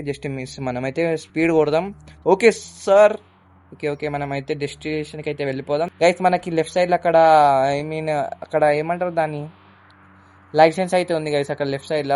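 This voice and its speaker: A man's voice: fairly high pitch, a little mellow. A young man gives casual gameplay commentary, chatting with his viewers and calling out to people in the game. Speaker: gaming YouTuber.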